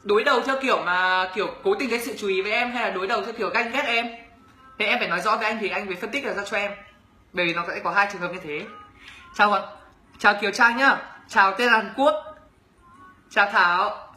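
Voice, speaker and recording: High-pitched, bright and forceful, this young man talks at a quick pace. He is a YouTuber from Bac Ninh in northern Vietnam with a Northern Vietnamese accent, casually reading viewers' comments aloud on a livestream and teasing them in his answers. The sound is roomy, with faint music behind.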